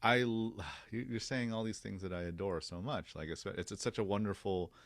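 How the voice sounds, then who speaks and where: Brief: deep-voiced male podcast host, earnest and reflective, dry close sound. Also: moderate pace, no room sound. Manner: earnest, reflective, many fillers. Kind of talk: casual interview chat.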